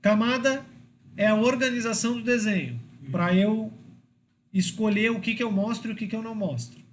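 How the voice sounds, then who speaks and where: High-voiced Brazilian man lecturing. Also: normal speed, slight background noise. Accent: Brazilian Portuguese. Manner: explanatory, checks in with frequent tag questions. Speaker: university lecturer. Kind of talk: classroom lecture on drawing software.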